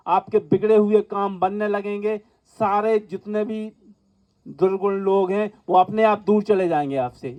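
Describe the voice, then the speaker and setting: A man leads an indoor class as a spiritual teacher, speaking earnestly and instructively and returning to his points for emphasis. His voice sits a little higher than most men's. The recording is somewhat muffled and lo-fi. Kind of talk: spiritual healing lecture to a class.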